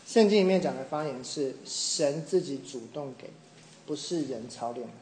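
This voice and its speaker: A middle-aged man from Taiwan preaching a sermon, telling a personal story with animated mimicry of others. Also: mid-range voice, normal speed, a little hiss or hum. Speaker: pastor. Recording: echoey room with faint ambience.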